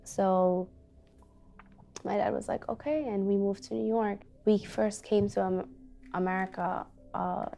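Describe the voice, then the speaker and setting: A woman's voice: mid-range voice, a little slow, vocal fry, warm tone, slight background noise. A young woman from Afghanistan, a teacher, speaking earnestly and reflectively in a documentary interview, with frequent "like" and "you know". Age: young adult.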